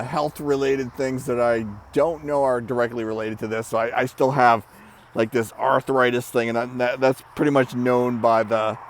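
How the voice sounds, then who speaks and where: A middle-aged man speaks casually at a medium pitch in a rambling vlog update. He is short of breath, breathing shallowly and pausing between short phrases, with light outdoor traffic noise behind him. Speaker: vlogger giving a personal health update. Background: birds, traffic and motorcycles.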